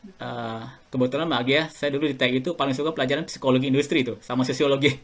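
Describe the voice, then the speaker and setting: A middle-aged Indonesian man, an alumnus appearing as a guest on a casual podcast, tells anecdotes and chuckles as he chats. He speaks very fast in a mid-range, slightly bright voice with fairly even intonation.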